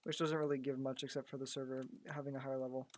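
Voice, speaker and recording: A man's voice: medium pitch, flat delivery, rapid-fire. A man giving casual commentary while he works on a digital art piece. He thinks aloud and often repeats words, and his voice is going because he is losing it. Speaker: graphic artist.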